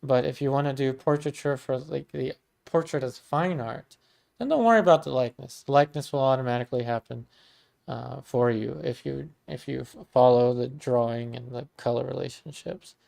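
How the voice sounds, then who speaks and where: A Maryland man in his thirties leads a casual painting livestream, chatting with viewers, going through their comments and offering warm thanks. He's relaxed and talkative, often restarting or saying um. His voice is creaky and medium-pitched, at a moderate pace.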